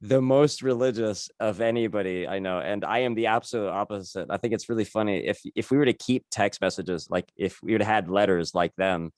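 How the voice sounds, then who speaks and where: A man in his thirties hosts a casual podcast interview in a lowish voice, talking fairly quickly with few pauses. He rambles, corrects himself and chuckles as he goes, and the studio-quality recording has no room sound.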